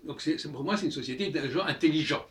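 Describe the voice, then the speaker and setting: A man's voice: a little high, fast, recorded from a distance. An older man hosting a talk channel, musing in a casual monologue with frequent hesitations and repeated words.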